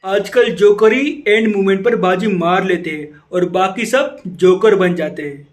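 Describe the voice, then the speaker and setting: High-voiced teasing best friend, as a man puts him on. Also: unhurried. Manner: short, teasing replies. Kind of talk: Hindi comedy sketch dialogue.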